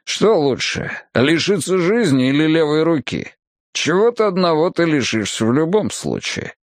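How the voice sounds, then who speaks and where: A man's voice: on the high side, very animated, no echo, voice pushed up. A man voicing a cool, sneering henchman. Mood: threatening. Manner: slow, mocking, matter-of-fact threats. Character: calm, sneering male henchman with a gun.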